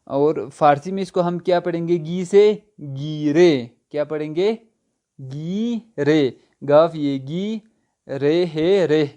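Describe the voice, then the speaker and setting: A male language teacher, a native Urdu speaker, slowly drilling vocabulary by asking and answering his own questions. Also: mid-range voice, warm tone, clean tone. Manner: slow drilling, repeats words with question and answer. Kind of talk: recorded online language lesson.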